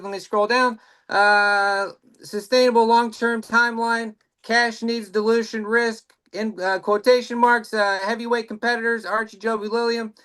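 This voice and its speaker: A man with a notably high voice co-hosts a casual live chat. He jokes with the others and then reads viewer comments aloud at length, stumbling through them with frequent "uh"s. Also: a bit bright, clean tone. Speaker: co-host reading viewer comments.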